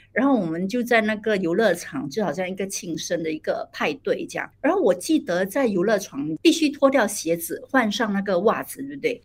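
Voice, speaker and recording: A middle-aged woman, a guest telling lively anecdotes about her children with many hesitations and bits of English. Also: medium pitch. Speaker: guest, theatre director and mother. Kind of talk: conversational storytelling interview.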